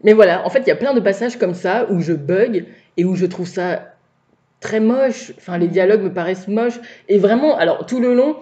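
A woman's voice: medium pitch, normal speed, lo-fi sound. A woman co-hosting a casual book podcast, reading passages aloud and commenting with frequent laughter. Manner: animated, laughs often, reads passages aloud. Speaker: podcast co-host. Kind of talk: casual book chat with read excerpts.

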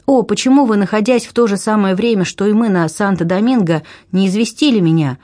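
Guy reading an audiobook doing a proud noblewoman, higher voice, keeps exclaiming. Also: a little fast, a little mellow, no echo, clean studio sound. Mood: distraught. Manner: exclaiming, emotional, raised voice. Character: proud noblewoman, a duchess, agitated and haughty.

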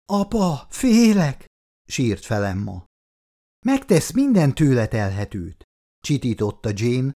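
A man narrating an audiobook in a dramatic way, acting out the characters' lines. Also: mid-range voice. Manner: dramatic, voices the dialogue.

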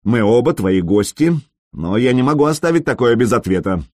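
A man voicing a bold young man who answers with booming sarcasm. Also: big pitch swings, a little fast, a little mellow, dry recording, studio quality. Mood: mocking. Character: bold young man in a Viking hall, cool and mocking.

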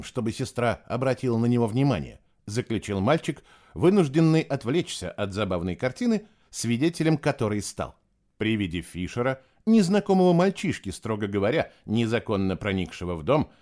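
A man narrates a children's book with lively, expressive delivery. His pitch moves widely as he reads. The voice sits in a middle register. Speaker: audiobook narrator. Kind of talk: scripted narration.

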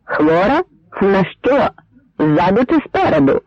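A man's voice: high voice, very animated, takes it slowly, no echo, voice pushed up, heavily acted. A man playing a jeering brutal soldier. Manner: shouting, jeering, coarse. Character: hungry, brutal, mocking male soldier. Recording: dry, slightly muffled lo-fi recording.

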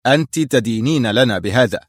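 A man's voice: mid-range voice, quick pace, no echo, studio quality, natural voice. A man voicing a stern male crime boss who gives clipped, cold orders.

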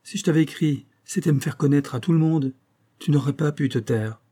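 A man reading an audiobook, voicing a proud, hot-tempered young actress with a sharp, impatient manner. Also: a little high, fairly quick, pitched above the performer's own voice, natural voice. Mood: irritated.

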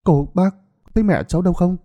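A man voicing a scheming young woman who wails loudly in feigned grief. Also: on the low side, moderate pace, dull audio, pitched above the performer's own voice, close to an everyday voice. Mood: wailing. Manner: loud, theatrical wailing.

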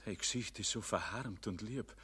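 Proud, anxious male Everyman played by an actor, Bavarian stage verse, lowish sharp voice, defensive. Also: moderate pace, husky, heavily acted. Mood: softening distress. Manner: agitated, defensive, emphatic. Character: proud rich man, Everyman, anxious and doomed. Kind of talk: verse morality play in dialect.

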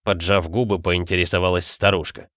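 A man narrating an audiobook in a steady, measured way. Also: deep voice, no echo, studio quality.

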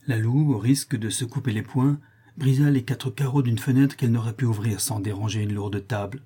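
A man reading a classic novel aloud as an audiobook narrator, in steady, measured storytelling. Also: medium pitch, husky.

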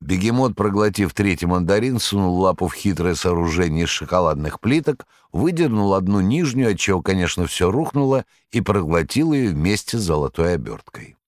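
Man narrating a story, lively and low. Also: normal speed, hardly any pauses, dry recording, clean studio sound. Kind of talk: scripted narration.

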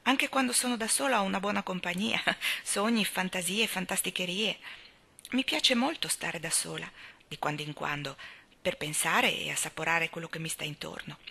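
A cheerful, dreamy young newlywed, read by a woman. The voice sits low with some gravel, but its tone is bright and lively. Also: moderate pace, heavily acted. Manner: lively, laughing.

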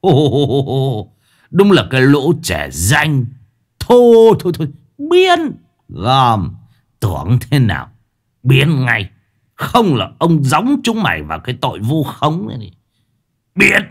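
A man voicing a pompous, bullying old male village chief who scolds and shouts, in a spoken ghost story. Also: mid-range voice, huge pitch swings, slow, long pauses, breathy edge, voice pushed up, heavily acted. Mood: angry, scornful.

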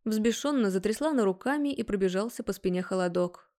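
A young woman narrating a first-person story, brisk and wry. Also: mid-range voice, animated, warm tone.

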